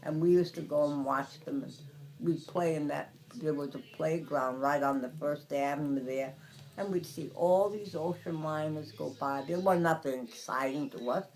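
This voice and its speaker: An elderly woman in her nineties from Brooklyn, reminiscing in a casual interview, haltingly, searching for words and repeating phrases. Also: sits low, darkish tone, rough recording. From Brooklyn, New York. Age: 90s. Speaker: interviewee recalling the past.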